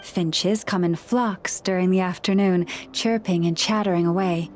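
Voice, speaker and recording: This is a woman's take on a kind young Moon Chanter from a game, a caring counselor to people and animals who speaks calmly, earnestly, and at a measured pace. Her pitch is fairly low and close to everyday speech, and a slight hiss or hum can be heard.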